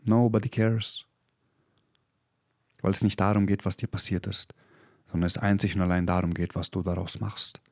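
Brief: thirties male podcast host, low-pitched, fiery motivational preacher, dry close mic. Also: flat delivery, moderate pace, long pauses, a little mellow, no echo. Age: 30s. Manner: intense, preachy, swears, drops English phrases. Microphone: podcast microphone.

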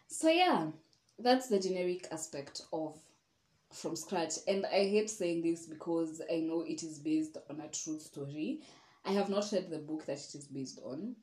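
A woman hosting a casual podcast, talking at length in a frank, rambling way, full of sighs and side comments. Her voice sits a little low, and the room around her echoes noticeably. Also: darkish tone. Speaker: podcast host. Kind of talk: casual solo review monologue.

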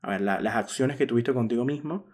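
A man's voice: mid-range voice, a little fast, darkish tone. A man in his thirties hosting a podcast, talking frankly and reflectively in a casual monologue, now and then laughing at himself. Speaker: podcast host.

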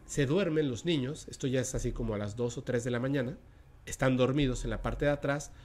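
A Mexican man tells an eerie tale in a relaxed podcast chat, with a dramatic, conversational delivery that leans into the suspense. His voice sits in an ordinary middle range. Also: mid-range voice, a little fast, a little hiss or hum. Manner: dramatic, drops to a hushed voice at tense moments. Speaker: podcast host and storyteller. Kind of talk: casual spooky storytelling.

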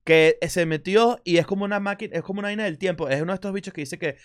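Rambling man, slightly high voice. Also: very fast, clear, resonant tone. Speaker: podcast co-host. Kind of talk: casual live podcast chat.

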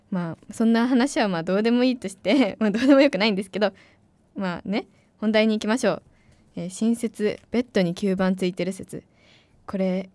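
Excitable young woman chatting on radio. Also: medium pitch, no room sound. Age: young adult. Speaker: radio talk host, announcing student. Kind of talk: casual solo radio talk.

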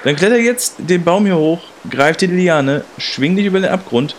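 A man playing Dom in an improvised comedy audio drama, talking loud and panicky and swearing a lot. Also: high-pitched, animated, moderate pace. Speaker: podcast host playing Dom. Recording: noisy recording with long reverb.

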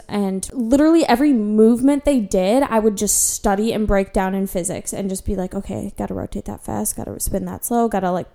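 Chatty young woman, mellow voice. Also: mid-range voice. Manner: chatty, candid, self-deprecating, frequent "like" fillers. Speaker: vlogger. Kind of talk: casual personal storytelling.

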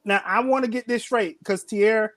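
A man co-hosting a podcast, talking in casual, animated group banter. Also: high-pitched, normal speed, no room sound. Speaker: podcast co-host.

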